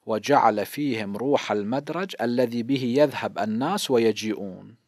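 A man's voice: mid-range voice, normal speed, darkish tone, dry recording. A man in his fifties with an Iraqi Arabic accent gives a religious lesson in a mid-range voice, explaining each point and asking questions he answers himself. The recording is dry and close, with little room sound. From Iraq. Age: 50s. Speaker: cleric teaching a seminary lesson.

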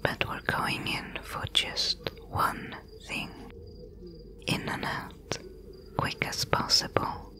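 Woman acting a slow-whispering rogue thief, whispered role-play. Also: close to an everyday voice. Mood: hushed, businesslike. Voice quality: breathy, unvoiced whisper. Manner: hushed, unhurried, instructing. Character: female rogue thief, wry, bossy mentor to a newbie.

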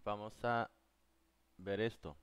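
A man's voice: fairly low pitch, slow, clear, resonant tone. A man with as his teaching a live online class, patiently answering viewers' questions. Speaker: Korean teacher.

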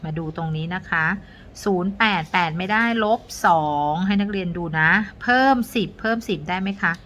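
A woman's voice: medium pitch, normal speed, fairly bright tone, a little hiss or hum. A woman teacher patiently walking young students through a math lesson step by step, counting aloud with polite particles.

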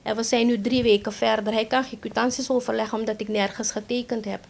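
A middle-aged woman with a Surinamese Dutch accent, telling an interviewer about her own accident in a halting way with many restarts. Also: on the high side, steady tone, vocal fry, darkish tone. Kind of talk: emotional first-person account in an interview.

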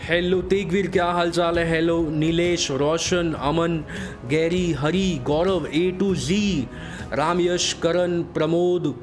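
A man hosting a casual live game stream, voice hoarse from a sore throat, greeting viewers by name in a breezy, joking way. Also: a little high, steady tone, slow, music in the background.

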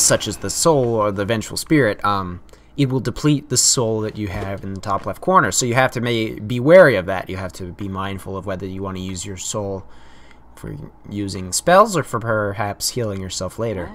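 Playful young man with a bright voice. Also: on the low side, a little hiss or hum. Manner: playful, bursts into theatrical shouted taunts. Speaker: let's play host. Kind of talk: casual gameplay commentary.

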